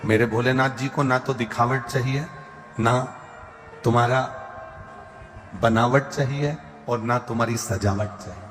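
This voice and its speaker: A man with a Madhya Pradesh accent preaching a sermon in Hindi, impassioned and repetitive, at times singing verses slowly. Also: mid-range voice, steady tone, fairly bright tone. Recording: long hall reverb with faint music.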